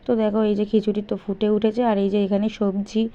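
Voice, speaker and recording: A woman's voice: mid-range voice, little pitch movement, brisk, dark tone. A young woman vlogging in a casual, chatty way, repeatedly talking straight to her viewers. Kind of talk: casual vlog narration. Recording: dull lo-fi sound.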